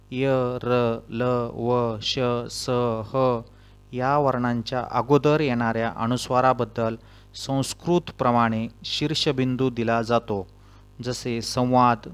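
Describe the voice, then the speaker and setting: A man teaching a grammar lesson, reading out rules one by one and spelling out the example words slowly. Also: mid-range voice, smooth. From Maharashtra.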